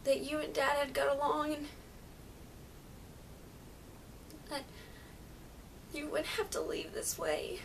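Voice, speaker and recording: A young woman playing a grieving daughter in a sad monologue, melancholy and tearful, saying a tender, halting goodbye. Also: lively intonation. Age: young adult. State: crying. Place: small plain room, indoors. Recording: rumbly room noise, distant microphone.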